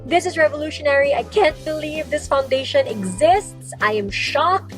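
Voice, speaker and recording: A woman's voice: sits high, normal speed, soft background music, rough recording. A young woman from the Philippines chatting to camera for a beauty vlog, bubbly and chatty, filming with a handheld camera in her car and at home. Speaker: beauty vlogger. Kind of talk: casual vlog chat to camera.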